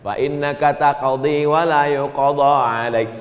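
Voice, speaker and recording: A man's voice: fairly high pitch, steady tone, slow pace. A man preaching a humorous sermon into a microphone, chanting Arabic prayer lines and joking with the audience. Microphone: handheld or stand microphone. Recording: echoey hall recording.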